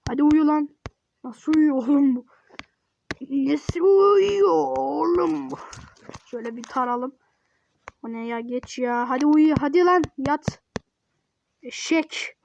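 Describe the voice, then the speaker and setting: A woman's voice: sits high, measured pace, long pauses, a little mellow, dull audio, slight background noise. A woman giving casual gaming commentary, blunt and teasing, swearing freely and scolding the game's child. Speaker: game streamer.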